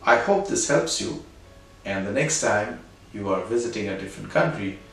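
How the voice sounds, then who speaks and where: A middle-aged Indian man with an Indian English accent hosts a storytelling segment, animatedly relating a personal anecdote and ending on a moral. His voice is fairly low at a moderate pace. The room is very echoey, the mic distant, and faint music plays.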